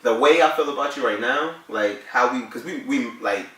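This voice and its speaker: A man's voice: mid-range voice, normal speed, pushed and bright. A man in his thirties from New Jersey, telling a story casually on a vlog in slangy talk, acting out his own lines. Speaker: vlog co-host. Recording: echoey room, mic at a distance.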